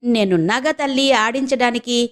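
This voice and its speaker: A woman's voice: fairly high pitch, moderate pace, close to an everyday voice. A woman playing a witty, teasing young wife. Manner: polite but teasing. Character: young married woman, sharp-witted and teasing.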